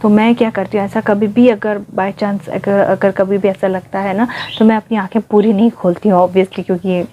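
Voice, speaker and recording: A woman vlogger casually recounting her own ghost experience, speaking very softly and mixing in English words. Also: medium pitch, fairly even intonation, normal speed, hardly any pauses, lo-fi sound, slight background noise. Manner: speaks very softly, near a hush; mixes in English words, frequent fillers like okay. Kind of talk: casual first-person storytelling.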